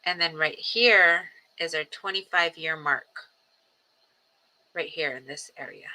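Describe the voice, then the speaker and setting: The speaker is a livestream host in her forties whose voice is a touch low yet strikingly bright and edgy. She talks slowly and reflectively, looping back with ums and small restarts, staying earnest and composed even about grief, all on a rough recording.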